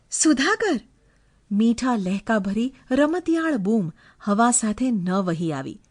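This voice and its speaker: A woman narrates a novel as an audiobook, telling the story in an expressive, dramatic way. Her voice is medium-pitched, captured in clean studio sound with no echo.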